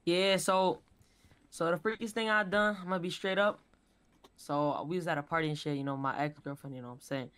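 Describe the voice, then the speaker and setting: A man's voice: fairly high pitch, steady tone, brisk, a bit bright, clean tone. A man in his twenties, a game show contestant in role-play, rambling as he tells a story. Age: 20s. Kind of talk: casual role-play chat.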